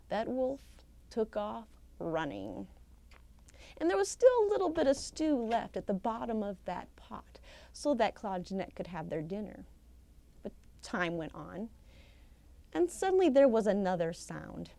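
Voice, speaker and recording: A professional storyteller performs a folktale live at a conference session, delivering it dramatically with deliberate pauses and emphasis. Her mid-range voice is bright and creaky, and she speaks slowly and theatrically. The recording is dry.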